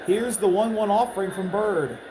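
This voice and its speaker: A man calling baseball play-by-play briskly, describing each pitch and play. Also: crowd noise, poor audio. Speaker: play-by-play announcer. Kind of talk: baseball radio-style play-by-play. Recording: broadcast with clear ballpark ambience.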